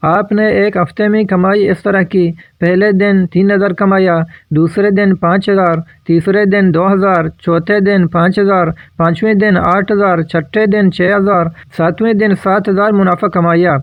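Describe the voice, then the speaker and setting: High-voiced man teaching a math lesson. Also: fairly even intonation, no room sound, narrow, tinny audio. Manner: patient, explains slowly with worked examples.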